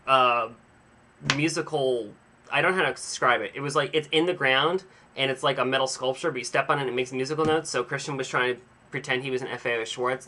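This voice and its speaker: A man's voice: mid-range voice, a little hiss or hum. A young man casually telling a rambling, self-mocking story to a camera in his home vlog. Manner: chatty, animated, self-mocking. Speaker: vlogger.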